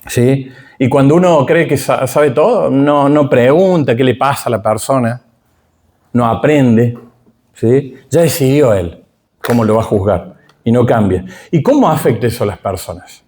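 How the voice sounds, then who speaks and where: Mellow-voiced Rioplatense man teaching scripture. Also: mid-range voice, moderate pace. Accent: Rioplatense Spanish. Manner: emphatic, checks in with the audience through rhetorical questions. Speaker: Bible teacher. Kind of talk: Bible class lecture.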